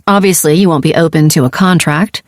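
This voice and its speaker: A woman voicing a steely starship commander who speaks quietly and with control. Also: deep voice, fairly quick, no room sound, clean studio sound, close to an everyday voice. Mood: guarded.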